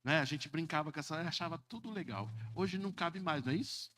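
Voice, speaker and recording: Lively Brazilian pastor in his fifties. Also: fairly high pitch, fast talker. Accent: Brazilian Portuguese. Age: 50s. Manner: lively preaching, mocking voices, repeated "Amém?". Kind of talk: sermon.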